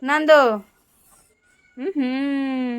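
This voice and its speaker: A woman's voice: level tone, extremely slow. Sing-song mother filming her toddler. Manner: high sing-song coaxing to her child, quieter asides to the viewer. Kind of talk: casual home vlog, baby talk and narration. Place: home, indoors.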